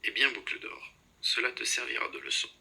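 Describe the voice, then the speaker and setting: A man narrating a children's storybook, speaking directly to the story's heroine in a gently scolding way. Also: mid-range voice, fairly even intonation, brisk, low-quality recording.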